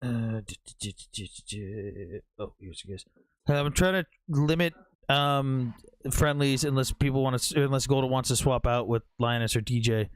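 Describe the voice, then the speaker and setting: A man's voice: medium pitch, moderate pace, dry recording. A young man hosting a live online debate, combative and mocking, swearing often as he presses his opponents. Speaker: livestream debate host.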